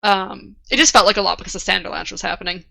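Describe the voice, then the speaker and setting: Gravelly, bright-voiced woman podcaster. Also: medium pitch, expressive, a little fast. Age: 30s. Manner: laughs often, casual swearing. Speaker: podcast host. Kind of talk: casual book club podcast chat.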